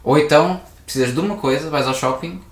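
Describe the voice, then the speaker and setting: A man's voice: a little high, quick pace, echoey room. A young man with a European Portuguese accent, chatting casually and acting out little scenes. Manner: explains hypotheticals, acts out little scenes. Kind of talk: casual podcast chat.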